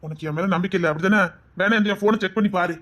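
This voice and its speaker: Here an actor gives voice to a Tamil web drama's smooth-talking young man, a manipulative, greedy blackmailer phoning his girlfriend. His Tirunelveli-accented delivery sits high and comes rapid-fire, hushed and intimate. Sweet and coaxing yet insistent, he repeatedly checks, "understand?"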